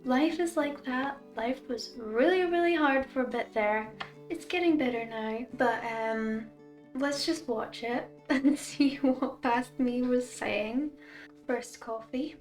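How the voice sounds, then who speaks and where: Casting: Scottish woman vlogger, twenties, fairly high voice, apologetic confiding chat, recorded in a roomy space a little off the mic. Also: takes it slowly, faint music behind. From Scotland. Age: 20s. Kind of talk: casual chat to viewers. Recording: roomy, slightly distant mic.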